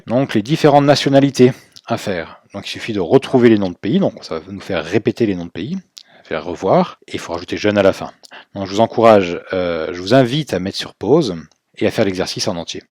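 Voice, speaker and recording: A man's voice: lowish voice, animated, fairly quick, a little mellow, no echo, studio quality. A man teaching in a recorded video lesson, explaining step by step in a patient way, with fillers as he goes. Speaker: Chinese language teacher.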